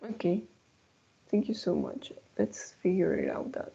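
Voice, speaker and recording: Slow careful lady english teacher on a video call, explains in too, dull lo-fi sound. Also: on the low side, very animated, creaky, mellow, slightly rough. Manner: patient, models words and switches into Spanish to explain. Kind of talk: online class instruction.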